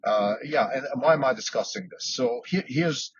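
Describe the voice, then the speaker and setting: A man raised in Switzerland hosts a solo podcast, thinking aloud with frequent fillers and restarts. His mid-range voice moves at normal speed, and the recording has a dull lo-fi sound with faint background noise.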